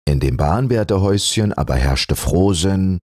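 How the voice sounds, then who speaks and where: A man narrating a fairy tale as a gentle bedtime audiobook reader. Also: deep voice, animated, normal speed, dry recording, clean studio sound. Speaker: storyteller.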